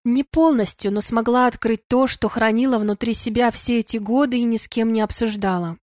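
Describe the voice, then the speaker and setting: A woman's voice: fairly high pitch, steady tone, fairly quick, darkish tone, no echo, clean studio sound. A woman narrating a first-person audiobook in an emotional, tearful manner.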